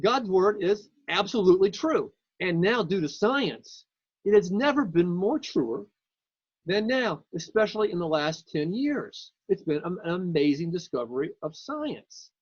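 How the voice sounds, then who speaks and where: Husky, high-voiced man giving a lecture. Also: sing-song, unhurried, no echo, dull audio. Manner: conversational, repeats words while thinking. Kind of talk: casual classroom lecture.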